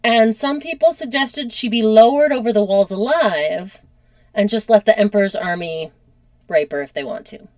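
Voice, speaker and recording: On her podcast, a woman with a mid-range voice chats her way through a history story, animated and full of "like"s. She keeps a moderate pace, and there's no echo.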